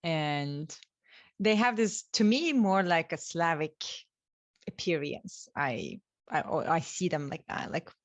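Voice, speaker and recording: A woman with a notably low voice co-hosts a casual podcast. She asks questions and chimes in with quick agreement. The sound is dry and close, with no room echo. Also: expressive. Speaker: podcast co-host. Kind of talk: casual chat.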